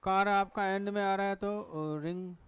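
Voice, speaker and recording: High-voiced Hindi-accented man teaching. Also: monotone, fast, a bit bright, clear, resonant tone, dry recording. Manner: asks the class questions and answers them himself. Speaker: English teacher. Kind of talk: classroom lecture on pronunciation. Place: classroom with a board.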